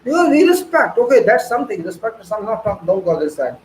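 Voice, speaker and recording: A man with a high-set voice lectures on engineering in an online class. He preaches more than he explains, firing off rhetorical questions and repeating key phrases for emphasis. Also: very animated, fast, roomy sound, slight background noise, rough recording.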